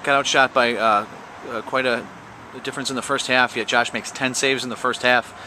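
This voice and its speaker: A man interviewing a soccer coach after a game outdoors, asking halting questions with many restarts. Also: mid-range voice, little pitch movement, pushed and bright, slight background noise.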